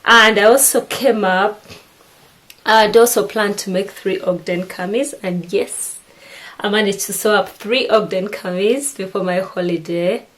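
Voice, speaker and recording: A woman's voice: mid-range voice, unhurried, fairly bright tone, poor audio. A middle-aged woman from Uganda with a Ugandan accent, chatting to camera about her sewing and often restarting her sentences. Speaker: sewing vlogger. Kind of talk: casual chat to camera.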